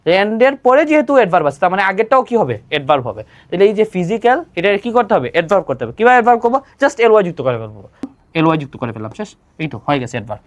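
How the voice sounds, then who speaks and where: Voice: medium pitch, sing-song, rapid-fire. An exam-prep grammar teacher, who asks students questions and answers them straight away. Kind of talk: exam-prep lesson explaining grammar rules.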